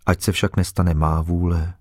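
A calm, solemn Jesus, as a male Bible reader gives him voice, speaking in measured, unhurried phrases. The voice sits very low and deep. The sound is dry and close, with no room around it. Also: dry recording. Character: Jesus, a calm grown man teaching.

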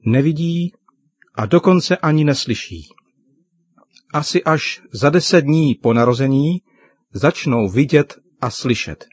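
A man voicing a kind father in a children's story, explaining things gently. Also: fairly high pitch, lively intonation, breathy edge, dry recording.

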